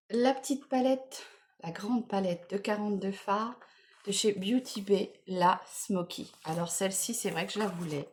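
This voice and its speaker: A woman's voice: mid-range voice, a little hiss or hum. Chatty woman showing off her gifts. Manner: chatty, enthusiastic, many fillers and repeated words. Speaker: beauty vlogger. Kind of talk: casual unboxing chat to camera.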